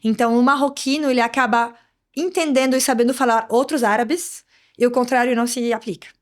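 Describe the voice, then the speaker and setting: Chatty woman, fairly high voice. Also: fairly quick. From Morocco. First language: Arabic. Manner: lively and chatty, often adds "né". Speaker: guest. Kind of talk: casual interview conversation.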